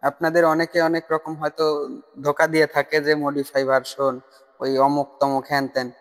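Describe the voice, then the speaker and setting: Narrating a tutorial video, a man speaks a little quickly in a slightly high, flat voice, casual but insistent and repetitive, addressing his audience as "brother." The voice-over, with long reverb, was recorded apart from the screen capture.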